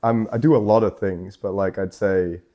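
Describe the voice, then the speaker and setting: Speaking at a moderate pace with a low, mellow, fairly even voice, a young man from Scotland makes casual conversation as a guest artist in a tattoo shop. He rambles, swears, and leans heavily on fillers.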